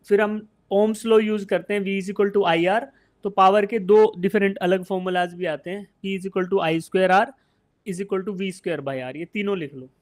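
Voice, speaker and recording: A man from India, voice on the higher side, leads an online physics class live, aimed at exam prep. He explains things incrementally, rattles off questions he answers himself, and keeps saying "beta" to the students; the technical parts come out.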